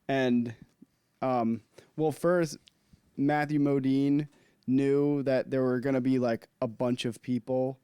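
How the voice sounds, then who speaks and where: A man's voice: medium pitch, fairly even intonation, takes it slowly, dark tone, clean tone, no echo, studio quality. A man co-hosting a casual film podcast, chatting with frequent laughs and many filler words. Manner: laughs often, lots of "like" fillers. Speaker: podcast co-host.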